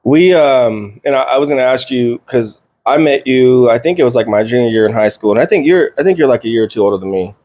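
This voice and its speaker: A man in his thirties hosts a relaxed podcast chat. He talks loosely, full of slang, fillers and restarts. His voice sits at an everyday middle pitch for a man. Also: quick pace, hardly any pauses. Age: 30s. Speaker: podcast host. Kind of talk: casual chat.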